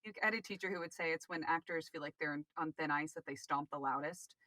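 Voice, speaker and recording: A woman's voice: deep voice, fast, dry recording. Emphatic woman on a video call. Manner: animated, emphatic, laughs often. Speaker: actor and podcast host. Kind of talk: casual conversation about acting.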